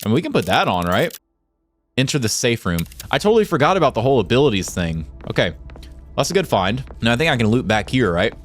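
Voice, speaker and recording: A man with a cold, hoarse and nasal, giving chatty, excitable let's play commentary. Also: medium pitch, quick pace, soft background music. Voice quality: chatty, excitable, laughs often. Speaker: gaming YouTuber.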